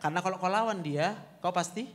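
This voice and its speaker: A doctor with a Medan Indonesian accent gives a Q&A talk, answering audience questions in a blunt, teasing way and laughing often. He has a high, slightly bright voice and talks fast, and the recording has a big-room sound.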